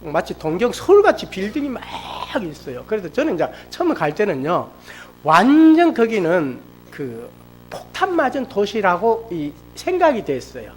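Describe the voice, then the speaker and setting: Animated middle-aged male pastor. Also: sits high, normal speed, a little hiss or hum. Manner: animated storytelling, acts out quoted speech. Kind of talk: sermon testimony. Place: church service.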